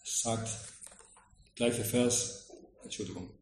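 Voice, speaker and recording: A man's voice: medium pitch, slow pace. A man preaching a sermon on scripture, asking questions and speaking straight to his listeners. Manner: lively, questioning, addresses listeners directly. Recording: echoey room with faint noise.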